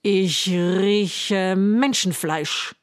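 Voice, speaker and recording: A woman playing a slow, booming storybook giant. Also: no room sound, clean studio sound. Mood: gruff. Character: huge hungry male giant, gruff, greedy.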